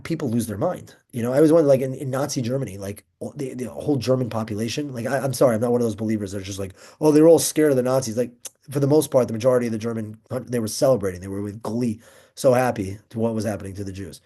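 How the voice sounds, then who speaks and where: Young male Torah teacher: excitable, emphatic delivery, mellow, darker tone. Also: medium pitch, very fast, husky. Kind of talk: informal Torah class.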